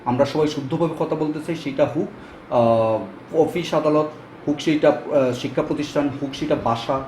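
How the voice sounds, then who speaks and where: A man's voice: fairly high pitch, moderate pace, a little mellow, slight background noise. A man teaching English pronunciation in a casual spoken lesson, explaining step by step with frequent fillers. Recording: echoey room with faint ambience.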